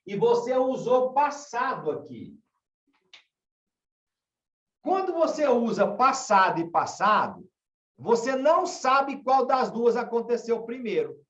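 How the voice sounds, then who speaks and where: Slow, lively Brazilian teacher. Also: male voice, very high voice, distant mic. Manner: questioning, repeats example sentences. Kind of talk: online class lesson. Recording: dull, echoey room from afar.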